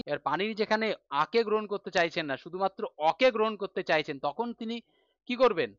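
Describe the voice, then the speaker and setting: A man's voice: high voice, a bit bright, clear, resonant tone, no room sound, dull audio. A man teaching a Sanskrit lesson in a Bengali accent, patiently asking questions and answering them himself. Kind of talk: online lesson explaining on a board.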